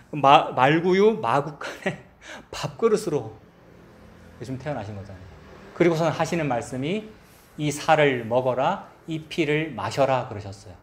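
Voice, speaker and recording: A man preaching a sermon as pastor, conversational and asking his congregation questions. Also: on the high side.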